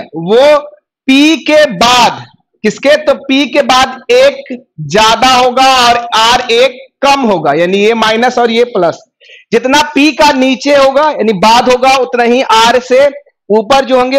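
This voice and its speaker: A man teaching an online exam-prep reasoning lesson, explaining step by step and reading the clues aloud slowly. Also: very high-pitched, a bit bright. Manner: mixes Hindi with English words.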